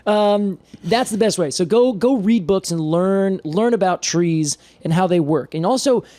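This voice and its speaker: A man's voice: sits high, measured pace, dark tone, no echo. A man co-hosting a podcast in casual chat, joking and laughing often, with rambling restarts. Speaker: podcast co-host.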